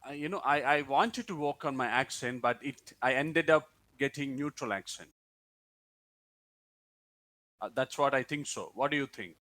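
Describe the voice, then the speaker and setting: A man's voice: mid-range voice, brisk, pushed and bright. Man, non-native English speaker, hesitant, restarts often, casual interview. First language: not English. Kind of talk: casual interview, answering questions.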